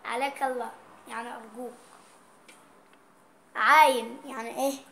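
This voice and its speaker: High-voiced Egyptian woman, playful vlogger. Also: fairly even intonation, moderate pace, creaky, fairly bright tone. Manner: playful, reading out dialect words and their meanings. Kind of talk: casual vlog chat.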